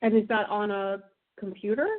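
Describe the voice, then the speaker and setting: A woman conducting a casual phone interview, rambling through halting questions on a narrow phone line. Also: mid-range voice, little pitch movement.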